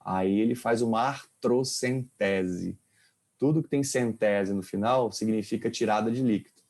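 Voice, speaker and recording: A man's voice: on the low side, unhurried, darkish tone. A male professor giving an informal anatomy lecture, quizzing his students with questions as he explains. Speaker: kinesiology professor.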